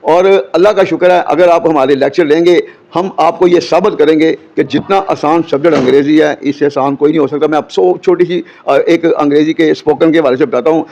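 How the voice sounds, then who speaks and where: A man's voice: on the high side, fairly even intonation, a little mellow, highs cut off. A man, an English teacher explaining grammar to an interviewer in an earnest, step-by-step way. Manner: earnest, drills English examples slowly and clearly.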